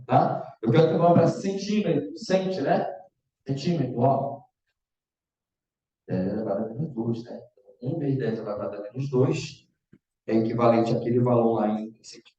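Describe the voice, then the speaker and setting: A man with a mellow mid-range voice delivers a laid-back math lesson for an online exam-prep course, frequently checking how his students are doing. The sound is lo-fi, with a dull, distant and echoey room.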